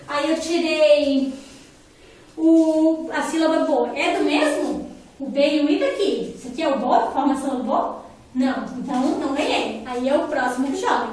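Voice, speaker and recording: A Brazilian woman teacher with a high, bright voice explains a class activity patiently and keeps asking her young pupils if they follow. The sound is heavily echoey, as if the microphone sat far across a bare room. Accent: Brazilian Portuguese. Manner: patient, explanatory, often checks in with "né?" and "tá bom?". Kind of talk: remote lesson for children and parents.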